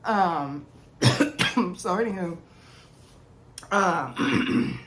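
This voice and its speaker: Her voice lowish and fairly bright, a young woman recapping a reality TV episode speaks very slowly but in an animated way. This TV recap host has congestion and a sore throat and chats casually with her viewers, peppering her speech with ums and y'alls.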